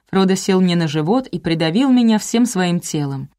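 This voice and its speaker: A woman narrating a detective novel in the first person, with even, wry storytelling. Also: fairly low pitch, normal speed. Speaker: audiobook narrator.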